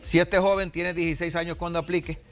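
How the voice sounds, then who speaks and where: A man's voice: a little high, flat delivery, fast, faint music behind. A Puerto Rican man in his sixties, an immigration adviser on a TV interview, explaining patiently with examples. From Puerto Rico.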